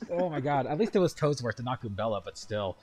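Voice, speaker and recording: A man's voice: mid-range voice, animated, fast, a little mellow. A man hosting a casual let's play, reading the game's text aloud and joking about it. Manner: reads game dialogue aloud, laughs and jokes. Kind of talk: casual gameplay commentary.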